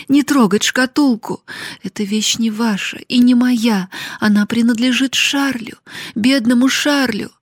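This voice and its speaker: A woman's voice: husky, dry recording, clean studio sound. A woman voicing a desperate pleading young daughter. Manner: pleading, high and loud.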